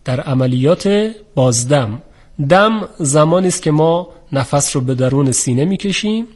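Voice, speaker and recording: A man teaching a formal, measured lecture on the articulation of letters for Quran recitation. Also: fairly high pitch, expressive, darkish tone. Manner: measured, formal, with polite set phrases. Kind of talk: explanatory lecture on pronunciation.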